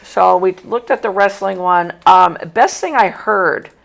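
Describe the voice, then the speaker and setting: A woman's voice: medium pitch, unhurried, creaky. A woman hosting a casual sports talk show, an ex-coach who talks in a chatty, emphatic way. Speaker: sports talk host and former basketball coach.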